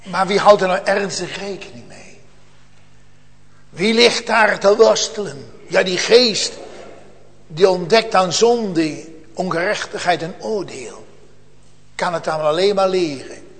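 A man preaching a solemn sermon, slow and earnest, rising at times to loud emotional cries. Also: sits high, slightly rough. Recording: long church reverb.

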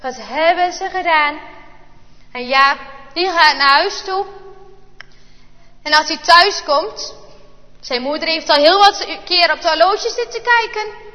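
Woman reading a kids bible story out loud, really high voice, long echo, kinda muffled. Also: takes it slowly, long pauses. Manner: lively storytelling, voices the characters, asks the children questions. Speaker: storyteller for children. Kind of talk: Bible-class children's story narration.

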